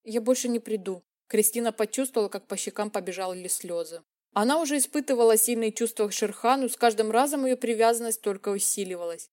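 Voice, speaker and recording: Warm-toned woman narrating a romance. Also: fairly high pitch, fast. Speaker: audiobook narrator.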